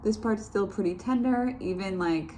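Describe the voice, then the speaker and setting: A woman's voice: medium pitch, normal speed, dark tone. A woman in her twenties giving a casual, conversational personal update to camera, in an informal way. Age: 20s. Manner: informal, conversational, quotes others in reported dialogue. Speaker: vlogger. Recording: clear background room noise.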